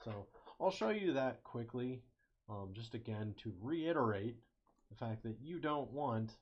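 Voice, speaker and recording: A man's voice: mid-range voice, lively intonation, measured pace. A young man casually talking through a CAD design on screen, thinking aloud, correcting himself and cracking small jokes. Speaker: engineering student. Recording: slightly muffled lo-fi mic.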